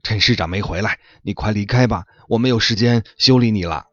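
A man voicing a kind repairman who calmly reassures his robot friend, in a children's bedtime story. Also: fairly low pitch, a little fast, dry recording, lo-fi sound. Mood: worried. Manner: soothing, reassuring. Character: kind older male repairman, calm and caring.

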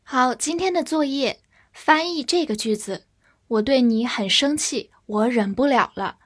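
A woman teaching English vocabulary, spelling each word letter by letter and repeating example sentences for learners. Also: high voice. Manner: spells words out letter by letter, slow drilled repetition. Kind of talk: spoken vocabulary lesson.

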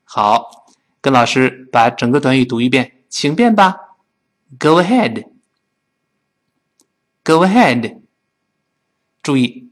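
A man teaching spoken English, drilling phrases slowly and then fast. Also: mid-range voice. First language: Chinese.

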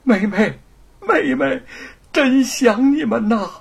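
A man's voice: high voice, sing-song, moderate pace, slightly rough, voice pushed up, full character voice. A man putting on a tearful young wife. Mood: emotional. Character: emotional young wife, woman.

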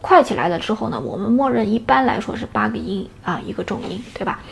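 Gravelly-voiced woman teaching erhu. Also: mid-range voice, lively intonation, quick pace. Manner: explains step by step with tag questions. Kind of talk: casual instrument lesson.

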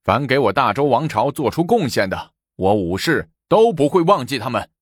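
A man's voice: sits low, sing-song, unhurried, no room sound, studio quality, full character voice. A man playing a haughty, boastful prince. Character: arrogant male prince, boastful and bullying.

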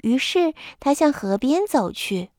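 A woman storyteller reading a bedtime picture book aloud, gently addressing children. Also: high-pitched, sing-song, measured pace, no room sound, clean studio sound.

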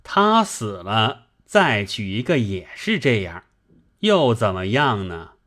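A woman voicing a drunk, hot-tempered young nobleman husband in a dramatized novel reading, gruff and blustering. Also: extremely low pitch, very animated, takes it slowly, fairly bright tone, voice pushed down, exaggerated voice. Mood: sulky.

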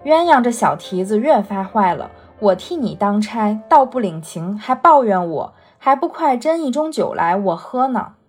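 Woman voicing a brisk, bossy young noblewoman. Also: medium pitch, sing-song, husky, faint music behind. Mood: bossy teasing. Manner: brisk, commanding, teasing. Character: bossy, witty young noblewoman household manager.

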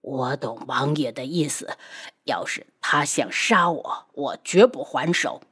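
A woman voicing a weak, remorseful young male physician in an audiobook, speaking in a faint, low, breathy voice. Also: a little slow, fairly bright tone, full character voice. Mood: resigned.

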